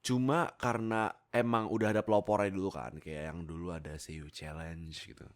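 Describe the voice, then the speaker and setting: A young Indonesian man with a deep voice speaks at normal speed with flat delivery into a close USB microphone. An amateur voice actor and content creator, he tells his followers casual stories about his voice-acting life, informal, giggly and self-deprecating.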